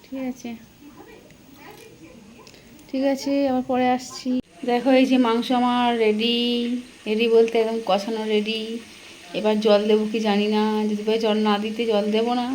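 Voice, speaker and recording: A woman's voice: on the high side, low-quality recording. A woman, chatting to viewers in a casual home vlog as she shows her shopping and cooking. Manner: chatty, addresses viewers as friends while showing things. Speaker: home vlogger. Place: home, kitchen. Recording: loud home background noise.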